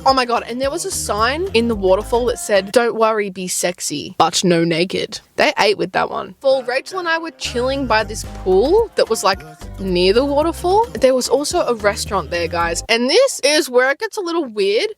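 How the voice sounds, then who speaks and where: Animated young woman vlogger telling stories. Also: on the high side. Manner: animated, dramatic storytelling with playful exaggeration. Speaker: travel vlogger. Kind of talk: casual storytime vlog. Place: tropical villa, indoors and out.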